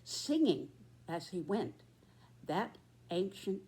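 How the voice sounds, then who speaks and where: A woman in her nineties giving a reflective, earnest address in short, halting phrases. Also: lowish voice, very animated, dark tone. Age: 90s. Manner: very old person's slow, halting delivery in short phrases.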